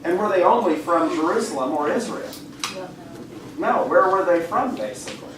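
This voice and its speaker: Slightly high-voiced, hoarse male Bible teacher, conversational and questioning; distant mic in an echoey church room. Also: animated, moderate pace. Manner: conversational, asks the class questions, clears throat often. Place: church classroom. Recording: echoey room, far mic, faint hiss.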